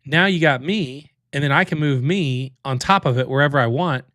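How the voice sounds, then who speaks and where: A man with a medium-pitched, fairly bright voice hosts a casual livestream, demoing software and thinking aloud as he clicks through a tool, full of loose fillers and restarts. He speaks at normal speed in a dry, studio-quality recording.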